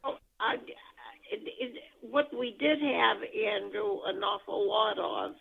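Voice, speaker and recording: An older grandmother heard over a speakerphone line, talking slowly and haltingly as she searches for words. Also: on the high side, sing-song, vocal fry, breathy edge. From United States. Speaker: grandmother being interviewed. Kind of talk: family oral history interview. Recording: tinny phone line.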